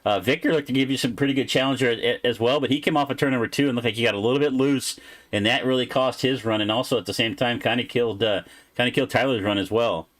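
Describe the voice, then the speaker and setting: A man doing live play-by-play race commentary, excited and full of quick restarts, sounding worn and a little out of breath. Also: mid-range voice. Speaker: sim racing commentator.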